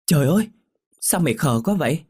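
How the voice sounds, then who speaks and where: A man voicing a blunt, outspoken young woman friend who exclaims loudly. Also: lowish voice, animated, moderate pace. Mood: shocked.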